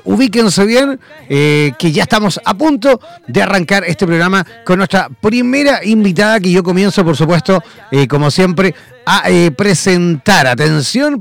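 A man's voice: high voice, gravelly. A man hosting an online talk show, introducing and interviewing a guest in an enthusiastic, formal emcee manner.

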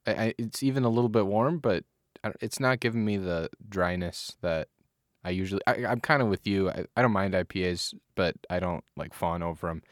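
Lowish-voiced guy cohosting a chill podcast, jokey and rambly, dry close sound. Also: brisk, no room sound. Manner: joking, rambling, reads facts aloud. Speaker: podcast co-host. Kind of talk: casual chat.

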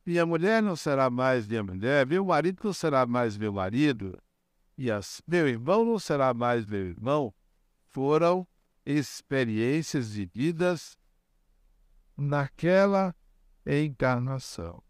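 An older man giving a religious lecture, speaking deliberately and repeating key words for emphasis. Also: mid-range voice, big pitch swings, dry recording, studio quality. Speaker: spiritist lecturer.

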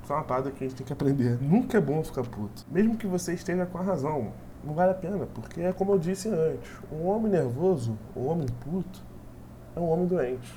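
A young man tells a personal story in a rapid, rambling stream, looping back on himself with fillers. His tone is dark and mellow, and a faint hiss sits under the recording. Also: on the high side, expressive. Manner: rambling, repetitive, full of "tipo assim" fillers.

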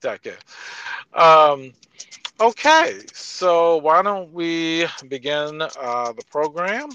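Man hosting a podcast, bright forceful voice. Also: on the high side, big pitch swings, takes it slowly, highs cut off, a little hiss or hum. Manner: folksy, addresses listeners as y'all and folks. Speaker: podcast host. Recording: reverberant interview sound.

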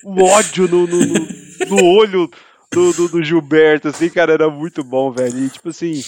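A man co-hosts a relaxed chat, rambling and stumbling over repeated words as he gathers his thoughts. His voice sits a little high for a man. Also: moderate pace. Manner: rambling, repeats words while searching for phrasing. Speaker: podcast co-host. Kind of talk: casual chat.

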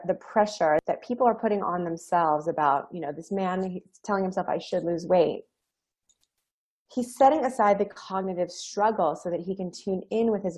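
A woman's voice: on the low side, warm tone, breathy edge. A woman hosting a podcast interview, effusive and affirming as she asks questions. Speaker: podcast host. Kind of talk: casual interview talk.

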